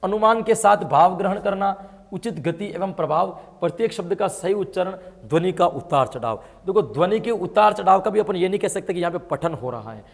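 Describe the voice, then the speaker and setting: A man's voice: high-pitched, lively intonation, fairly quick, vocal fry. A man teaching an exam-prep lesson, explaining answers and asking his students questions as he goes. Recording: long hall reverb.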